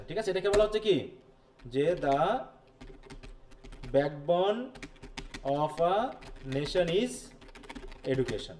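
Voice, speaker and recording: Male teacher, slightly higher voice, patient lecture delivery with comprehension checks. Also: a little mellow. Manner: explains slowly, reads English passages, checks understanding with questions. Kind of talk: bilingual classroom lecture.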